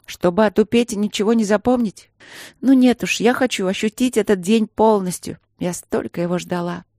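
A woman reading the part of an emotional young bride, nervous and excited, with words tumbling out in a breathless rush. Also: mid-range voice, normal speed, dry recording, clean studio sound, natural voice. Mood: stubborn.

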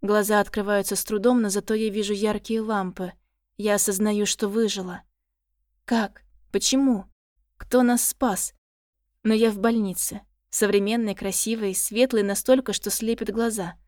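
A woman's voice: mid-range voice, fairly even intonation, normal speed, a little mellow, no room sound. Female audiobook narrator, intimate first-person read, dry close sound.

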